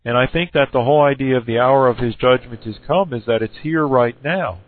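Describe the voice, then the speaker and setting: A man laying out a Bible interpretation to someone he disagrees with, halting and correcting himself, with many fillers, and losing his voice. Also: medium pitch, phone-quality sound. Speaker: Bible debater. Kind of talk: recorded argument addressed to another person.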